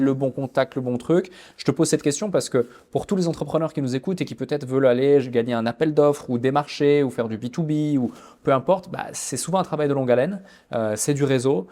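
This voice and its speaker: A man's voice: mid-range voice, dark tone. A man hosting a podcast interview, prompting his guest with follow-up questions and short affirmations. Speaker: podcast host.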